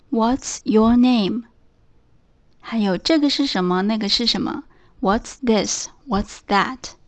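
A woman teaching English in a scripted lesson, reading out example phrases slowly and clearly. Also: mid-range voice.

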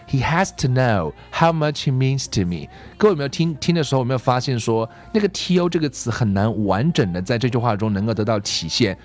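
A man gives a relaxed audio lesson on English pronunciation. His pitch moves a lot as he talks, and he repeats example phrases slowly and patiently. Soft music plays faintly behind him. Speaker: English teacher. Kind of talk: casual podcast English lesson.

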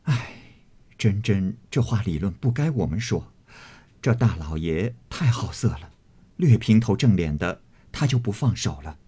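A man's voice: fairly low pitch, animated, unhurried, dark tone, husky, exaggerated voice. A man reading the part of a playful young maidservant who teases lightly. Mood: teasing. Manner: teasing, light.

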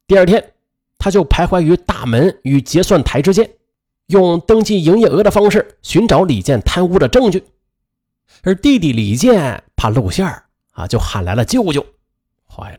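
A man's voice: a little high, a little mellow, husky. A man narrating a family true-crime story in a dramatic storytelling manner, drawing out his filler particles.

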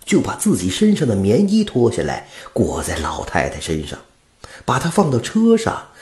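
A man telling a folk tale as a storyteller, in an animated, expressive way. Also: lowish voice, reverberant.

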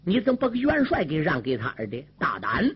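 A man's voice: on the high side, huge pitch swings, a little fast, background noise. A man voicing a flustered young general. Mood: flustered, indignant. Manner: sung-spoken storytelling delivery. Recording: lo-fi with loud drum and string accompaniment.

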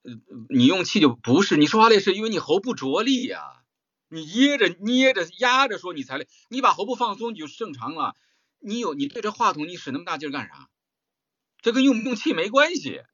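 Blunt, lively male voice-acting teacher. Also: high voice, brisk, no echo, muffled recording. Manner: blunt, emphatic, full of rhetorical questions. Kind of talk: spoken workshop lecture.

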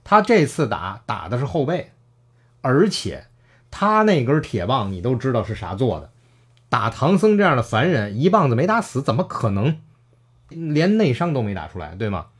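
A man's voice: medium pitch, sing-song, moderate pace, slightly rough. A man casually retelling a classic story, acting out the characters' lines and laughing often.

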